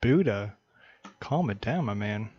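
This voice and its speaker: A man's voice: on the low side, expressive, measured pace. A man commentating a live poker stream, bantering and joking with viewers between hands. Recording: slightly dull stream audio, faint hiss.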